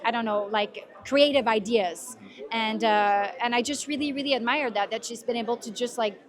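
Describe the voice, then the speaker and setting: A woman's voice: fairly high pitch, moderate pace, over music. A woman interviewed on a red carpet, gushing with admiration and often searching for her words.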